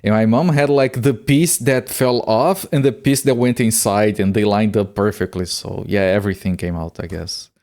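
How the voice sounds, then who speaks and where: A man with a somewhat low voice chats casually while playing a game on a live stream. He swears freely and often stammers and repeats words before a sentence gets going. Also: normal speed, hardly any pauses, darkish tone.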